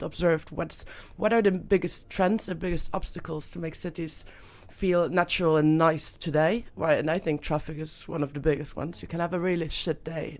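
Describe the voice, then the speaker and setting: A woman's voice: sits low, darkish tone. A young woman from Austria, a startup founder talking as a podcast guest, thoughtful with many fillers and restarts. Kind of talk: podcast interview. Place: podcast studio.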